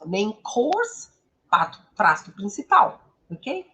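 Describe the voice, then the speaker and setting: A woman from Brazil, a native Portuguese speaker, teaching English pronunciation. She repeats each word slowly and keeps checking in with short tag questions. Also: mid-range voice, huge pitch swings, sharp tone. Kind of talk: didactic explanation of pronunciation.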